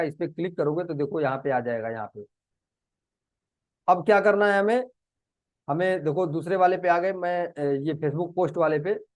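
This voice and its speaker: A man's voice: fairly high pitch, darkish tone, no room sound. A man teaching a live digital marketing class, explaining earnestly and repeating each step as he goes. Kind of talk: live screen-share class.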